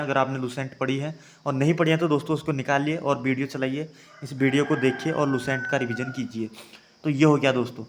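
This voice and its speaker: A young man teaching an exam-prep grammar lesson, calling his viewers friends and having them try each sound aloud. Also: medium pitch. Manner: addresses viewers as friends, repeats points.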